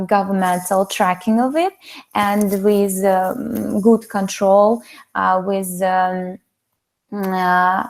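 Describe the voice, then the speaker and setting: Young woman, from Kazakhstan, academic webinar talk, earnest, lots of fillers, slight vocal fry. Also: mid-range voice. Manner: earnest, with frequent fillers and restarts. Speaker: doctoral student presenter. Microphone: video call.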